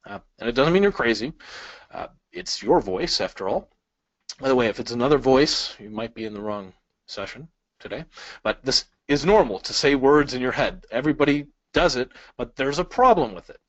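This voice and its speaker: This Chicago-born speed-reading instructor, a native Polish speaker, has a medium-pitched voice and runs a slide-based webinar lesson from a small indoor room. He stays friendly, quizzes his audience and slips in light jokes. Captured on a webcam inset, the recording is dry and slightly dull with no echo.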